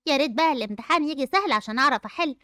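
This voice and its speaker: A young female voice playing a spiteful, jealous schoolgirl who cheats. She speaks with an Egyptian Arabic accent and a mocking, sneering manner in a dubbed animated game movie. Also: high-pitched, very fast, dry recording, studio quality, pitched below the performer's own voice. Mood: scheming.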